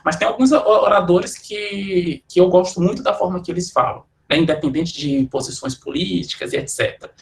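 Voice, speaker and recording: A man's voice: high voice, normal speed, few pauses. Brazilian guy lecturing students, chatty and loose, keeps tossing in little tag questions, middle-aged. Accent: Brazilian Portuguese. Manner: conversational, frequent "né" tags and restarts. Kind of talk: academic talk to students.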